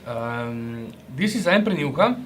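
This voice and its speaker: A young man talks at a middle pitch in a loose, joking way, stumbling and restarting as he reviews food. A faint hiss sits under his voice. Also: very animated, slow pace. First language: Croatian. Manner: chatty, joking, restarts and hesitations. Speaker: ration reviewer. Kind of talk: casual food review vlog.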